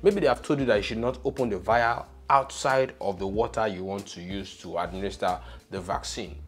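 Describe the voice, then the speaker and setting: A man's voice: on the low side, fairly quick. A young man hosting a poultry channel, explaining a hands-on demonstration step by step with emphasis, on a lapel mic in a small studio room.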